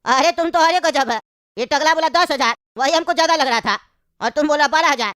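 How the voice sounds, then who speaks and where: A woman's voice: sits high, a little fast, a bit bright, no room sound, clean studio sound. A woman voicing a grumpy, stingy old uncle in a cartoon comedy, grumbling and mocking.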